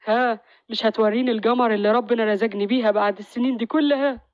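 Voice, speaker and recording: A woman's voice: fairly high pitch, steady tone, fast talker, no echo, muffled recording, lightly acted. Woman playing a teasing young husband. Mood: reassuring. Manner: teasing, reassuring. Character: young village husband and father, gentle and teasing.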